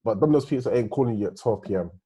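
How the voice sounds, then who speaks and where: A man's voice: on the low side, expressive, rapid-fire, a crowd in the background. A man, a guest on a casual podcast, telling stories emphatically in street slang. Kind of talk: casual chat.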